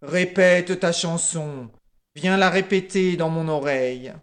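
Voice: takes it slowly, lightly acted. A storyteller voicing a furious lion king who barks out commands. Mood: grumbling. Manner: booming, growling commands.

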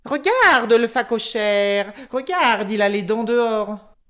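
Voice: medium pitch, expressive, a little slow, natural voice. A storyteller voicing a clever little hare who chants slyly to a drumbeat.

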